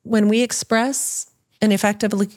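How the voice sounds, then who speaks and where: A woman's voice: mid-range voice, little pitch movement, normal speed, a little mellow. A woman hosting a casual podcast discussion, talking in a reflective way and asking the others questions.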